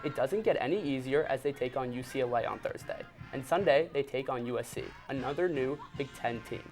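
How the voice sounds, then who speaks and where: A man's voice: mid-range voice, a little fast, a little mellow, faint music behind. A young man reading scripted sports news as an anchor in a TV studio.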